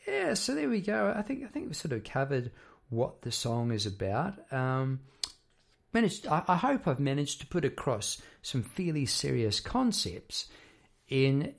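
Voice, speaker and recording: A man hosts a casual, reflective monologue as a working musician. His voice is croaky and gravelly, with plenty of fry. He speaks in a halting, rambling way, doubling back on his words as he thinks aloud. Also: mid-range voice. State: croaky voice after poor sleep. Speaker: songwriter and musician hosting a half-hour talk.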